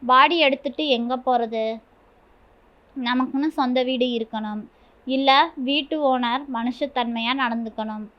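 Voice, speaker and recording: A man's voice: very high-pitched, fairly even intonation, unhurried. A woman voicing a grieving middle-aged son who pleads and sobs in a storybook reading. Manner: pleading, sobbing lines. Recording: dull lo-fi with faint music.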